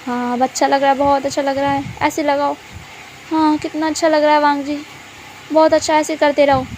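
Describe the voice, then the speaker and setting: A touchy, dramatic young merman, read by a woman in a high voice whines about his aches and scolds whoever is near. He is a fan-fiction storybook character read aloud. The tone stays quick and cross. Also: level tone, darkish tone, a little hiss or hum, natural voice. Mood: pleased.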